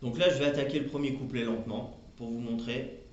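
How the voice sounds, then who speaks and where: A man giving a patient, step-by-step guitar lesson, explaining slowly with chatty fillers. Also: medium pitch, fairly even intonation, roomy sound, dull audio. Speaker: guitar teacher. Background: his own acoustic guitar playing.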